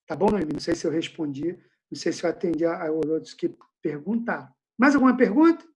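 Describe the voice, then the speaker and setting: A man's voice: on the high side, animated, fast talker, a little mellow. Man preaching casually over a video call. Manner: casual, slangy, conversational preaching. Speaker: pastor. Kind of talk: informal Bible study Q&A. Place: at home.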